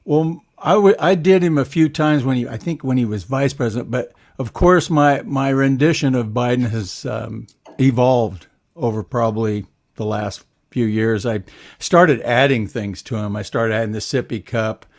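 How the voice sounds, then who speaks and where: A man's voice: medium pitch, normal speed. A man, a cartoonist, chatting casually, laughing often and reading his captions aloud. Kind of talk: casual chat.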